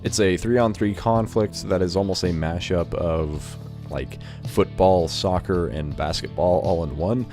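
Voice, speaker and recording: A man with an extremely low voice hosts a casual video game first-impressions show. He talks informally, loosely thinking aloud. Faint music plays behind him. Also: unhurried. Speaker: video game review host.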